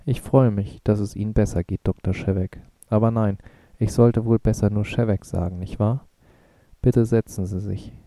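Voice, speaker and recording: A man's voice: fairly low pitch, steady tone, moderate pace, mellow, no echo, natural voice. A man voicing a courteous woman ambassador over sixty with a smoky, sing-song voice, in an audiobook. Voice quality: smoky singsong voice.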